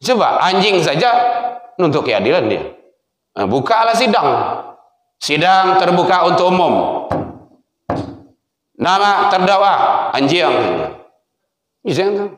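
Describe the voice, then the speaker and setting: A male preacher with a Minangkabau accent, delivering a sermon with animated storytelling, swinging between loud exhortation and low asides. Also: takes it slowly, pauses often. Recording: echoey hall.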